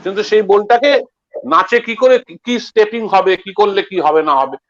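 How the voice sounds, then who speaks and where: A tabla guru, a man, explaining in a slow, halting way and reciting drum syllables in rhythm. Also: sits high, expressive. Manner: slow, halting, mixes English and Bengali, recites bols rhythmically. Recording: slightly dull lo-fi audio.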